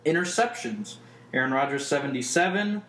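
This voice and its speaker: Man reading sports stats deadpan, echoey. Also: mid-range voice, normal speed. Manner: reads stats in a deadpan list. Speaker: podcast co-host. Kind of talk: casual podcast chat. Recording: echoey room with faint background noise.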